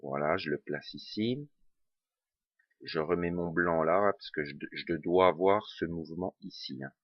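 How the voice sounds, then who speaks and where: Deep-voiced man with a regional French accent. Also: a little slow, no echo. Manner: hesitant, many fillers and self-corrections. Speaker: puzzle tutor. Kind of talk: casual spoken tutorial. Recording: dull, lo-fi home recording.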